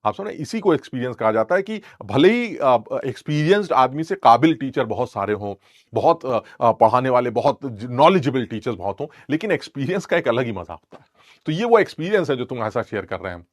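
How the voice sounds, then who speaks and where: A man's voice: medium pitch, big pitch swings, a little fast, dry recording, clean studio sound. A young male chemistry teacher, rambling and joking as he scolds his students playfully. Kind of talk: lecture with teasing asides.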